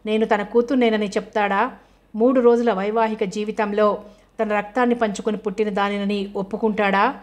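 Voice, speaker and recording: A distressed young woman turns anxious questions over in her head in an audio novel, voiced by a woman narrator. The reading is flat and even. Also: mid-range voice, close to an everyday voice. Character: troubled young woman brooding inwardly.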